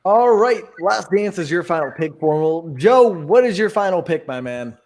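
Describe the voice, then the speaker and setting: High-voiced man hosting, joking. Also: animated, normal speed, darkish tone, a little hiss or hum. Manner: joking, teasing moderator. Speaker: host. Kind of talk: casual chat.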